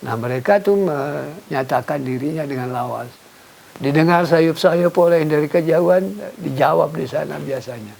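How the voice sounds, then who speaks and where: A man's voice: on the high side, normal speed, gravelly, darkish tone, slight background noise. A middle-aged man explaining a local tradition in an unscripted interview, often stopping to search for words and trailing off. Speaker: cultural informant.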